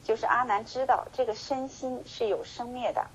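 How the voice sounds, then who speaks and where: A woman gives a Buddhist sutra lecture in an animated storytelling manner, acting out the exchanges between master and student. She softens her sentences with drawn-out particles. A faint hiss of noise sits under the recording. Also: on the high side, rough recording. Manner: slow measured chanting when reading scripture. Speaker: Buddhist teacher.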